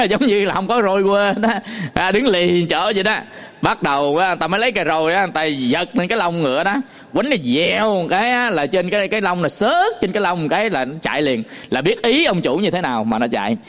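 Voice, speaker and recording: A male Buddhist monk with a Southern Vietnamese accent gives a sermon in a noticeably high voice. He tells his parables in a lively, storytelling way and acts out the examples for the listeners. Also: brisk.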